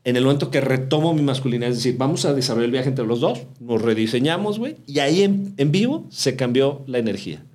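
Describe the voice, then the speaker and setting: Mexican man, casual podcast guest, slangy and animated storyteller. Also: mid-range voice, quick pace, hardly any pauses. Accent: Mexican Spanish. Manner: slangy, animated, acts out quoted dialogue.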